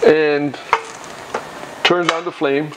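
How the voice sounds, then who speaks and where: A man's voice: on the high side, little pitch movement, very slow, very noisy. A man in his fifties with an Italian accent, casually hosting a cooking demonstration in short, repeated phrases, recorded in a home kitchen. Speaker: cooking show host.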